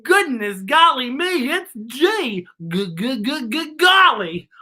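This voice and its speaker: A woman hosts a children's story time, teaching letters and singing in a playful, theatrical, giggly way. Her voice is high and sing-song, slow-paced, bright, and forceful.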